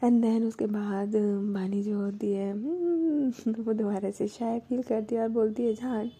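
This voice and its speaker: Woman storyteller, casual chatty narration, dark mellow voice, slightly husky. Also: fairly high pitch, unhurried. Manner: conversational, with fillers and self-corrections.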